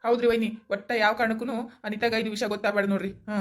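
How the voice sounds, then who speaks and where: A woman's voice: a little high, little pitch movement, lightly acted. A woman playing a helpful young village relative who reassures the family, with a North Karnataka accent. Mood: reassuring. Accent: North Karnataka Kannada. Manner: rapid, reassuring, persuasive.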